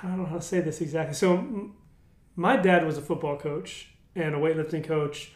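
A man's voice: on the high side, a little fast, reverberant. A man in his thirties co-hosting a casual faith discussion, candid and self-deprecating, with many restarts. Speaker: podcast co-host.

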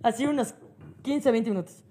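Animated high-voiced Ecuadorian woman. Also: normal speed. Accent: Ecuadorian Spanish. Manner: animated, swearing, laughing storyteller. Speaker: podcast co-host. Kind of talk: casual storytelling chat.

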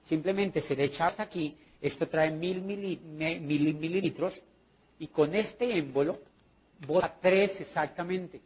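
Husky high-voiced Colombian man. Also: measured pace, muffled recording. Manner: lively storyteller acting out his dialogues. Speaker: sales trainer. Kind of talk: training talk with anecdotes.

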